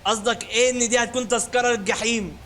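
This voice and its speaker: A man with an Egyptian Arabic accent doing casual gameplay commentary from home, his voice high and his words rapid. He jokes and mocks, now and then breaking into shouts. The recording carries a clear layer of noise behind him. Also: fairly even intonation. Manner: joking and sarcastic, bursts into shouting. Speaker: gaming YouTuber host. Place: at home, sitting on a dining chair.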